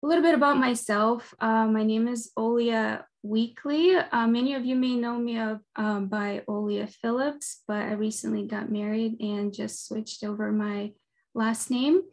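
A woman's voice: fairly high pitch, steady tone, a little slow. A young woman from Ukraine, giving an earnest, friendly webinar presentation over a video call. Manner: friendly, earnest, with frequent ums.

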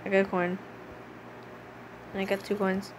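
A woman's voice: mid-range voice, monotone, moderate pace, noisy background. A young woman casually commenting while playing a game, playful and chatty, sometimes chanting in a sing-song way. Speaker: gaming channel host.

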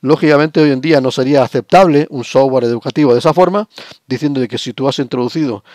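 A man's voice: mid-range voice, fast talker, a little mellow, no room sound. Man teaching over screen share. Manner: explanatory, frequent rhetorical checks. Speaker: lecturer. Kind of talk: recorded screen-share lesson.

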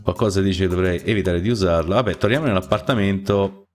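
Let's play host, low voice, dry sarcastic jokes, faint game music behind. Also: male voice, quick pace. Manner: sarcastic, joking. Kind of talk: gameplay commentary reading all the lines.

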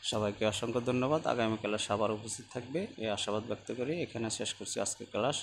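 A man teaching children in a recorded lesson, repeating each word many times in a slow, patient drill. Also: lowish voice, a little hiss or hum. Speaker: Arabic teacher.

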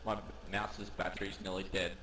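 A man's voice: low voice, flat delivery, moderate pace, noisy background. A man joking and bantering with friends over voice chat while playing a game. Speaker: fellow player.

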